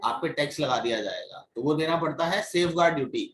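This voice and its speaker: A man's voice: on the high side, expressive, fairly quick, a bit bright, slight background noise. A man teaching a tax course, explaining step by step and checking in with his class. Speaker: GST course instructor. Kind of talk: classroom lecture. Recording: echoey room, mic at a distance.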